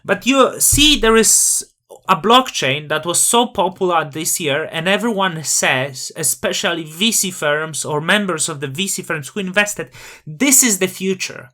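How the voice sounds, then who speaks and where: A man's voice: high-pitched, lively intonation, unhurried, bright, forceful tone. A man with a noticeable non-native accent hosting a crypto channel, talking in a grandiose, self-aggrandizing persona full of rhetorical questions. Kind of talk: casual opinion monologue on screen.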